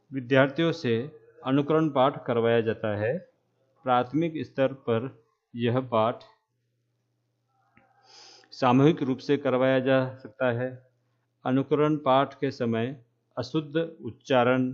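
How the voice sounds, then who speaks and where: A man lecturing trainee teachers, speaking slowly and repeating key terms, with frequent checks that the class is following. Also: medium pitch, muffled recording. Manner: asks "है ना?" to check understanding.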